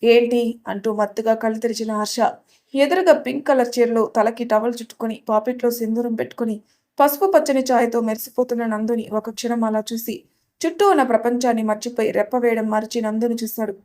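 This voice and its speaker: A woman's voice: on the high side, fairly even intonation, fast, a little mellow. Woman reading a serial story aloud.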